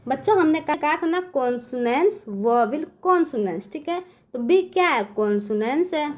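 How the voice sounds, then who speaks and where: A woman whose voice is high and light yet darkish in tone teaches beginners' English, explaining phonics rules and letter sounds one step at a time. She regularly checks the children are following and stretches each sound slowly as she spells.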